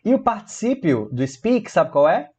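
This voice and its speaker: Here a male English teacher from Brazil leads a grammar lesson on video, quizzing his audience with rhetorical questions in a lively, playful, story-like way. His voice sits high and is slightly rough, at a moderate pace.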